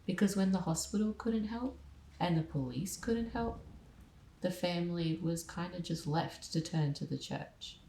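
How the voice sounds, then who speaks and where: Low, mellow woman narrating in a roomy space. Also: unhurried, slight background noise. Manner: dramatic storytelling with casual asides. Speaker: podcast host. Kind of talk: scripted true-crime narration. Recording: roomy echo.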